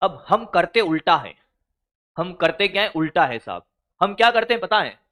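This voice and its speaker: A man's voice: sits high, sing-song, normal speed, pushed and bright. A physics teacher giving scolding, motivational study advice, full of rhetorical questions to his students.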